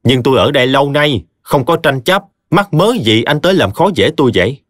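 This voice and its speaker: A man voicing a scheming, shrill middle-aged stepmother who wheedles and snaps. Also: animated, a little fast, dry recording, clean studio sound, lightly acted. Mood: defiant.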